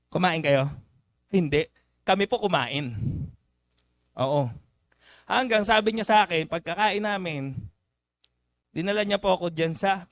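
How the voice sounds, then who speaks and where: A man's voice: high-pitched, creaky, a bit bright, dry recording. A young man giving a joking motivational talk to a live seminar audience, teasing people with call-and-response questions. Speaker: business seminar speaker.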